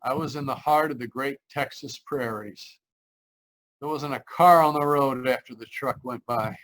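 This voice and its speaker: In a remote live radio-drama performance over video call, the actor narrating the story voices a haunted young man on a cross-country drive, frightened and desperate, his weariness showing as he stumbles over and repeats phrases. His natural voice is medium-pitched and a bit bright, with poor audio.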